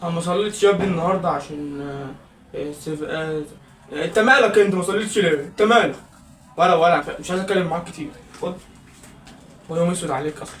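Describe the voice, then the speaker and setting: A man's voice: on the high side, very fast, fairly bright tone, reverberant, far from the mic, a little hiss or hum, pitched below the performer's own voice, close to an everyday voice. A young man voicing a grumpy, stern middle-aged Egyptian father who scolds and grumbles in an Egyptian Arabic accent. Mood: grumbling scold. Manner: gruff, scolding, dismissive.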